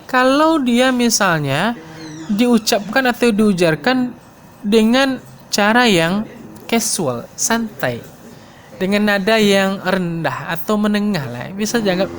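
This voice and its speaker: A man's voice: sits high, fairly bright tone. A man giving an explanatory lecture, thinking aloud with frequent fillers and reading English passages aloud.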